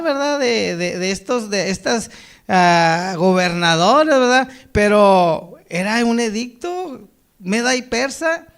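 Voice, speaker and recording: High-voiced, slow-spoken man preaching. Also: clear, resonant tone. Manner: addresses listeners as brother, tags lines with a questioning "right?"; reads quoted lines slowly and loudly, then drops to a soft, quiet tone. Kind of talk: sermon reading scripture and commenting.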